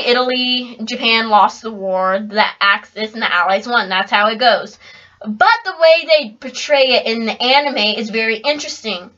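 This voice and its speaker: Excitable young woman, lo-fi recording. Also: on the high side. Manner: chatty, excitable, addresses viewers directly. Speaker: anime reviewer. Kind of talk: casual video review. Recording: dull lo-fi home recording.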